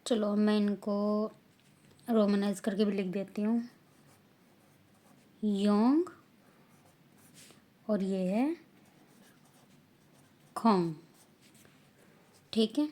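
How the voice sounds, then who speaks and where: Slow, deliberate Indian woman teacher. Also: medium pitch. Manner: drawn-out, deliberate, stressing each syllable loudly when drilling. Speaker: language teacher. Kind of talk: slow classroom explanation with repetition drills.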